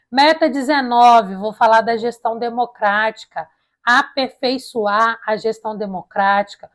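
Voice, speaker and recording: A Brazilian woman lecturing informally, with tongue-tied, slightly slushy s sounds, asking and answering her own questions and checking in with listeners. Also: on the high side. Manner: colloquial, asks and answers own questions, frequent check-in tags. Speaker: teacher preparing students for a public service exam. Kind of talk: informal lecture explaining an education plan point by point.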